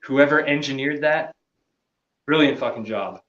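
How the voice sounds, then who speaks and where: A man's voice: medium pitch, a little slow, fairly bright tone, echoey room, lo-fi sound. A man talking casually as a podcast guest, laid-back and trailing off, swearing casually and laughing often. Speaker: podcast guest, gear maker. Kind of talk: casual chat.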